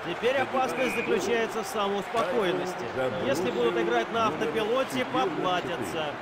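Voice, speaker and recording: A man's voice: sits high, normal speed, a loud crowd, lightly acted. A man giving wry, wordy colour commentary in a hockey video game. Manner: wry, wordy, opinionated remarks. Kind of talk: scripted sports analysis commentary. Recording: loud rink noise behind the voice.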